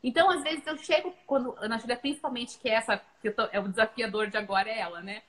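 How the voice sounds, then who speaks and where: In this casual parenting chat, a Brazilian woman in her thirties who co-hosts and is a mother tells stories from home with earnest animation. She speaks quickly at a fairly high pitch, and the recording is rough.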